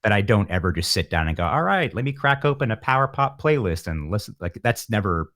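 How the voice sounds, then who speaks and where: This interview guest is a musician whose low voice swings widely in pitch and is a bit bright, and he talks fairly quickly. He comes across as reflective, earnest and discursive with some self-deprecation, in a dry recording that has no room sound.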